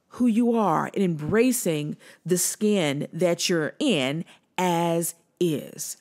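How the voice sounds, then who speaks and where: A body liberation coach, a woman with a medium-pitched voice, gives earnest commentary to the camera. She frequently repeats and restarts words for emphasis.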